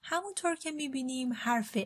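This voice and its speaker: A woman teaching a beginner English lesson. She reads the English examples slowly and clearly, then explains quickly in Persian. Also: sits high. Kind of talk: language lesson.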